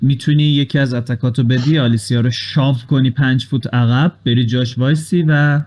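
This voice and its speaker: A man at a mid pitch, running a tabletop game as its master. He explains each rule patiently, step by step, and slips English game terms in between. His delivery is casual and conversational. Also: fairly even intonation, darkish tone.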